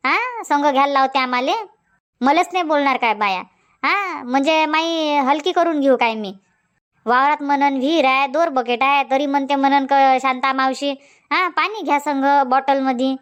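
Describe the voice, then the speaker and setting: A cartoon voice actor voices a nagging middle-aged village farm wife in a comic cartoon, indignantly scolding in long, insistent rants. Her voice sits high with a fairly bright tone at normal speed, and the recording is muffled.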